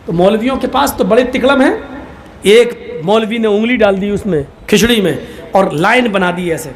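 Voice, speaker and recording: High-voiced fervent preacher. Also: male voice, a little hiss or hum. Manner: animated, rising to fervent shouts. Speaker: Islamic preacher. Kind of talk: storytelling sermon.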